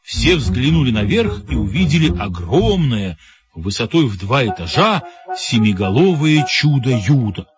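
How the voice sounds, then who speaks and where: A male narrator telling a children's audiobook with an expressive, lively voice. His pitch moves a lot. Clear music plays behind him, and the audio is slightly dull. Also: measured pace. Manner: expressive storytelling.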